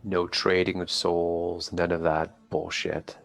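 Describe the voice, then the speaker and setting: A man's voice: deep voice, flat delivery, slow pace, gravelly. A man playing a tabletop role-playing game in a casual, conversational style.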